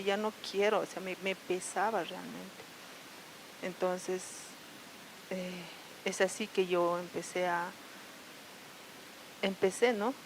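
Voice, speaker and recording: A woman with a Bolivian accent from La Paz gives a personal testimony at a prayer service. She speaks in an earnest, halting way, often restarting and tagging her sentences with questions. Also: on the low side, a little hiss or hum, low-quality recording. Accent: Bolivian Spanish, La Paz. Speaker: church member giving testimony.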